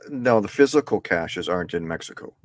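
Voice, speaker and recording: A man's voice: deep voice, animated, brisk, dry recording, studio quality. A man hosting a casual interview over a video call, easygoing, often chuckling, and reading out questions from viewers. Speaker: host.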